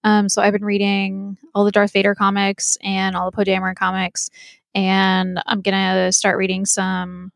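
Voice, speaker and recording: A woman's voice: medium pitch, monotone, moderate pace, gravelly, dry recording, studio quality. A woman co-hosting a podcast in casual conversation. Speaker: podcast co-host. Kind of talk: casual chat. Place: basement.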